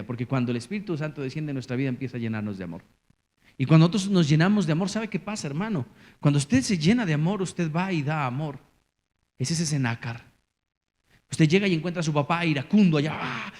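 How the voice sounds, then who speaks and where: A man preaching a sermon as pastor, swinging from loud calls to hushed, low lines. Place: church. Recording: church hall reverb.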